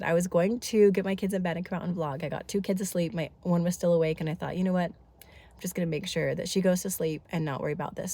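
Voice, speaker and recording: A woman's voice: fairly low pitch, a little mellow. A woman in her thirties chatting casually in a family vlog, congested from a head cold, talkative and rambling with lots of asides. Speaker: family vlogger.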